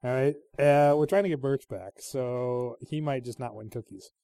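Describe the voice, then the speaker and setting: A man hosts a casual movie quiz with friends and laughs often along the way. His voice has a mellow, warm color. The sound is dry and close, like a call mic. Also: mid-range voice, moderate pace, dry recording. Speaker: quiz host. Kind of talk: casual podcast game chat. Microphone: online call mic.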